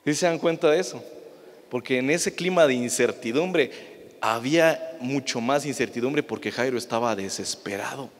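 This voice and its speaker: A man, a pastor preaching an animated sermon and asking the congregation rhetorical questions. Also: medium pitch, normal speed. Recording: long reverb of a church hall.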